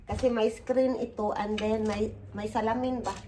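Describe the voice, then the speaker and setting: A woman's voice: a little high, steady tone, moderate pace, dark tone. A woman with a Visayan accent chatting casually to her viewers while doing chores at home, filmed on a handheld phone. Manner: chatty, talks to viewers as "day" and "mga inday". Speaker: vlogger. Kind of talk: casual home vlog chat. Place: home kitchen and porch, indoors.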